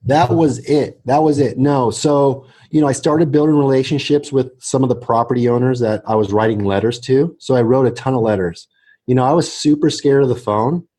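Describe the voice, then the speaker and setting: Guest spot: husky middle-aged man, real estate agent, chatty and animated, keeps tagging "right?". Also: medium pitch, a little fast. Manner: animated storyteller, many restarts and "right?" tags. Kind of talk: casual interview talk.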